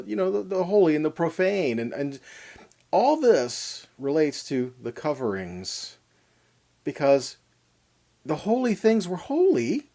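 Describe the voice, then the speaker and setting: Teaching the weekly Torah portion, a man explains the Bible didactically, raising questions and answering them himself while checking in with "okay." His voice is mellow and on the high side.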